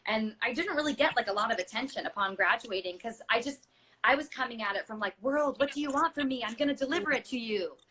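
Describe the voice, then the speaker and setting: A woman's voice: fairly high pitch, fast, bright, forceful tone, breathy edge. A woman in her thirties, a stage actress and singer, chatting casually as an interview guest, full of fillers and acting out quoted voices. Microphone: video call.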